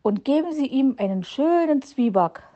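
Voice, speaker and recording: A woman's voice: high-pitched, lively intonation, normal speed, dark tone, lo-fi sound, voice pushed up. A woman voicing an eager, curious young rabbit in a storybook reading.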